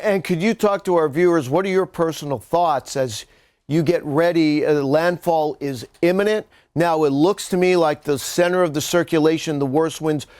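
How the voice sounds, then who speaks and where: A male news anchor with a slightly high voice conducts a live weather interview. He feels his way through questions haltingly, often rewording them midway. The sound is dry, with little room in it. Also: a little mellow, no echo.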